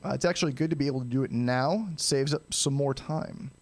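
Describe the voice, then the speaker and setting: A man giving casual live speedrunner commentary, explaining each step of a game to viewers and often clearing his throat. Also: medium pitch, fast, a little mellow. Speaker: speedrunner streaming a game challenge.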